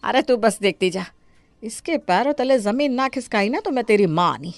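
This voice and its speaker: A woman voicing a scheming older mother-in-law in an animated story, with theatrical wailing and complaining. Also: a little high, normal speed, dry recording. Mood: vengeful.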